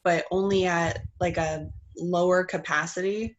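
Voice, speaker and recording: A woman's voice: on the low side, steady tone, unhurried, muffled recording. A woman joining a casual video call, chatty and agreeable. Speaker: meeting participant.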